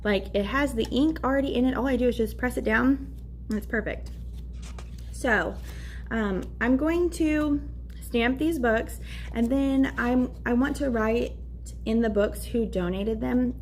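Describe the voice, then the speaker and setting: A woman's voice: a little high, a little slow, slight background noise. A young woman teacher in her twenties chatting casually while setting up her classroom, upbeat and full of fillers. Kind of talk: casual vlog narration.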